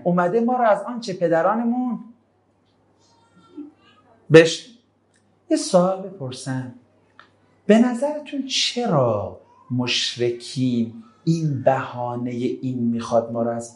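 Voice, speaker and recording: Male religious teacher, classroom Quran lesson, middling pitch, slow verse recitation, rapid-fire questions to the class, brushes off wrong answers. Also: darkish tone. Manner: quizzes students again and again, brushing off answers; recites Arabic verses slowly, then glosses them in colloquial speech.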